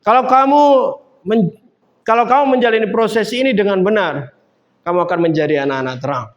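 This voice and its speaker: A man's voice: high-pitched, brisk. A man preaching a sermon in a casual, conversational way, building up to emphatic points. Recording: dull lo-fi sound.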